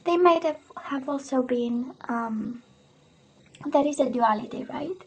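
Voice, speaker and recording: Hoarse woman doing a tarot reading. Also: sits high, unhurried, low-quality recording. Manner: clears throat often, tags sentences with "right?". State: losing her voice, hoarse. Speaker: tarot reader. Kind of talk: casual tarot reading to camera.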